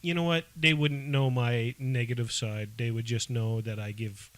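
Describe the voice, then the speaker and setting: Playful young podcast co-host. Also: male voice, mid-range voice, steady tone, moderate pace, a bit bright. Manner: joking, playful. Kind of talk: casual podcast chat.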